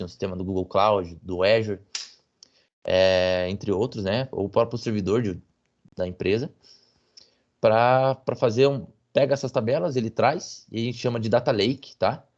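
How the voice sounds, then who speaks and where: Over muffled, lo-fi video-call audio, a man with a low, darkish voice delivers a technical business intelligence talk as a guest speaker, hesitating often and leaning on fillers and tag questions.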